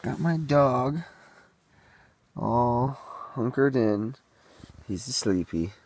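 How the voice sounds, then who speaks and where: A man's voice: mid-range voice, expressive, very slow, darkish tone. A young man narrating a casual hiking vlog to a handheld camera, chatty and easygoing as he points things out on the trail and at camp. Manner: easygoing, chatty, shows things to the viewer as he goes. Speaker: hiking vlogger. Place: outdoors on forest trails and at a campsite.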